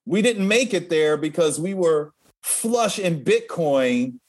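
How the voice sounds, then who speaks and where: A man's voice: a little high, expressive, takes it slowly. A man co-hosting a casual show, upbeat and playful, laughing easily with his partner. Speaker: co-host. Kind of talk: casual podcast chat.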